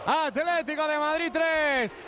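Shouting high-pitched Spanish man, breakneck goal commentary. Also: unhurried, crowd noise. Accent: Spanish (Spain). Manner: fervent, repeats words and stretches them out. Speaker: football play-by-play commentator. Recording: loud background noise on live broadcast.

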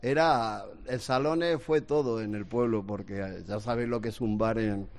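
Family stories come out haltingly from a sixties-aged Spanish man, a guest who rambles and restarts in casual conversation. He has a lowish, darkish voice and speaks at normal speed.

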